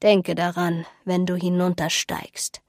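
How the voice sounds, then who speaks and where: A woman voicing an eerie old village woman who speaks in a slow, breathy whisper of omens. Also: fairly low pitch, monotone, a little mellow, no echo, studio quality. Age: over 60. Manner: slow, ominous, sniffing. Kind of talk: audiobook reading.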